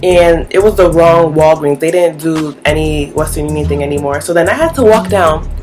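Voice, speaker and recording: A woman's voice: sits low, moderate pace, faint music behind. A young woman telling a story in a casual, rambling way, full of "like". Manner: rambling, heavy use of "like", animated retelling. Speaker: vlogger.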